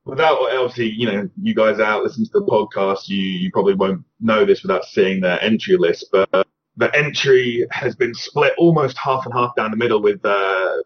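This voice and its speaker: Fairly low in pitch with a breathy edge, this man is a tournament organizer guesting on a podcast. He speaks casually with a Scottish accent, rambling and frequently starting his sentences over, and the recording sounds slightly muffled.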